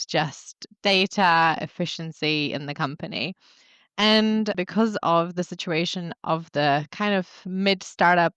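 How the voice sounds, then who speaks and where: This is an interview guest, a woman in her thirties who was born in Poland, grew up in England and now teaches yoga and coaches wellness. She tells her personal story in an open, reflective way with little laughs, using a lowish, fairly bright, clear and resonant voice. There is no room sound, and the high frequencies are cut off.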